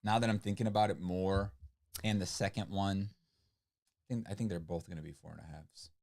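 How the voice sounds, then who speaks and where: A man with a low, gravelly voice and moderate pace co-hosts a book club livestream in English, which is not his first language. He chats casually and rambles, retelling things animatedly with lots of "like" fillers.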